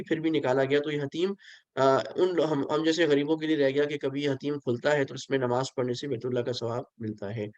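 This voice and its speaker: A man leads a pilgrimage training session over a video call, explaining each rule patiently and checking that his listeners follow. His voice sits a little high for a man. The sound is close and dry, with no room around it. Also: no room sound, lo-fi sound. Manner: explains patiently, asks listeners to repeat, mixes in English phrases. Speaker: religious instructor. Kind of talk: online pilgrimage training lecture.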